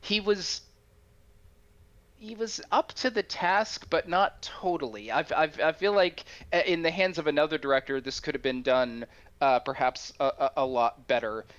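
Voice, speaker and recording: A man with a slightly higher voice, talking through a movie with hesitant, halting phrasing. The recording sounds dull and lo-fi. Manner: halting, searches for words. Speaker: podcast panelist. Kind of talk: casual film discussion.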